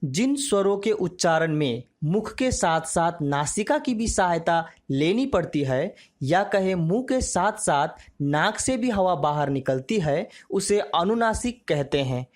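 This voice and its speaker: Slow, low-voiced woman teaching. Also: lively intonation, a little mellow. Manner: slow and measured, drawing out example words. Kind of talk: grammar lesson narration.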